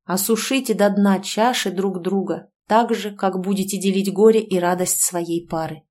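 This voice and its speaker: A woman's voice: medium pitch, fairly even intonation, moderate pace, darkish tone, close to an everyday voice. Formal announcing male councilor, read by a woman, solemn storybook elder, ceremonial. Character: solemn male clan councilor leading a wedding rite.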